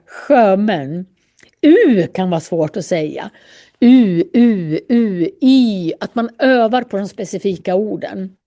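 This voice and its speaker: A woman teaching a language lesson, calmly explaining ways to study and repeating sounds to demonstrate them. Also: mid-range voice. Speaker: Swedish teacher.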